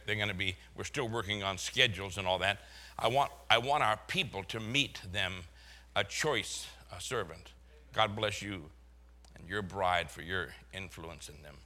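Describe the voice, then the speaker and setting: An older Boston man with a Boston accent and a lowish, sharp voice preaches a sermon as a pastor, full of folksy stories he chuckles through.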